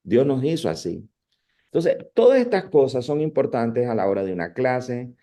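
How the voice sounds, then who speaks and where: A man gives a lecture on preaching in a warm, mellow voice at a medium pitch. He speaks in a lively, conversational manner. He often breaks off words and restarts them. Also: normal speed. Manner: animated, conversational, with frequent restarts. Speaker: preaching professor.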